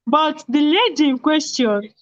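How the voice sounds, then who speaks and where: High-voiced woman hosting a chat. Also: animated, a little slow, no echo. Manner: stammering, reacts with sympathy. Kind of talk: casual conversation. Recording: dry, muffled lo-fi sound.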